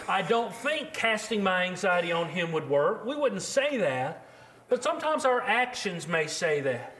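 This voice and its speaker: High-voiced man preaching a sermon. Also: a bit bright. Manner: earnest, slows down for emphasis, quotes scripture.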